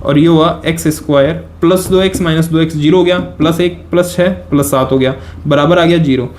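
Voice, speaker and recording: A man's voice: fairly high pitch, fairly even intonation, a little fast, darkish tone. Chatty male maths teacher, echoey room. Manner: chatty and repetitive, speaks directly to students, checks in often. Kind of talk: classroom lesson explaining step by step.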